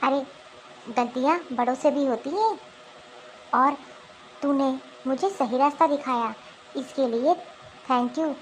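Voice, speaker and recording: A woman voicing a remorseful, kind middle-aged mother-in-law in an animated cartoon, speaking earnestly. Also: high voice, unhurried, pauses often, a little hiss or hum, poor audio.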